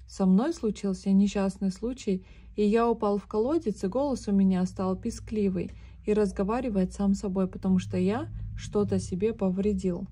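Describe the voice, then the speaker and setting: A woman's voice: mid-range voice, fairly even intonation, moderate pace, dark tone, close to an everyday voice. A woman voicing a good-natured, muddled male teddy bear in a children's storybook reading, thinking aloud in an earnest, puzzled way. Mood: puzzled musing.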